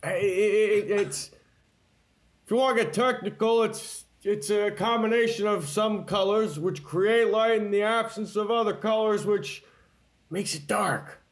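A man's voice: high voice, unhurried. A man co-hosting a podcast in improvised comedy banter, joking in an absurd, rambling way. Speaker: podcast co-host.

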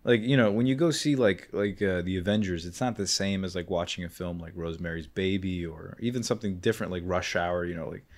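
A young man with a very deep, low voice talks through a casual podcast conversation. He rambles, leans on fillers, and drops profane jokes. The talk sounds loose and unscripted. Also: quick pace, few pauses. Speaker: podcast host. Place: indoor room, in person.

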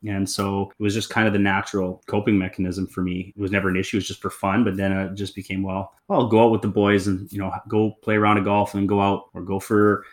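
A man's voice: lowish voice, level tone, fast talker, few pauses. Candid man telling his story. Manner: candid, reflective, loose and conversational. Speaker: interview guest. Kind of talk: personal storytelling in conversation.

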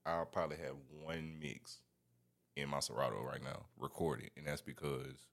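A young man, a guest DJ chatting casually in a relaxed, halting way with lots of fillers. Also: rumbling low, vocal fry. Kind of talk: casual chat.

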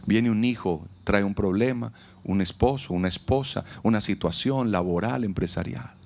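A man preaching a sermon at an outdoor event, taking dramatic pauses and acting out the lines he quotes. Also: on the low side, creaky, darkish tone, a little hiss or hum. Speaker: pastor.

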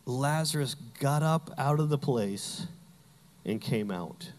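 A man's voice: mid-range voice, slow, big-room sound. A man preaching a sermon as pastor, telling Bible stories with humor and acting out the characters.

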